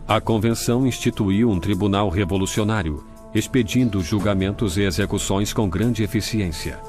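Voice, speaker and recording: A man reading scripted documentary narration in a grave, measured way, recorded as a studio voice-over. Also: on the low side, darkish tone. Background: music.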